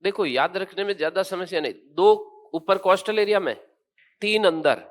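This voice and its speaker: A man teaching a classroom with a fairly high voice. He questions his students briskly, corrects them with firmness and then lays out the main points one by one. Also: animated, a bit bright. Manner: quizzes students, then explains firmly. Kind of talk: classroom geography lesson.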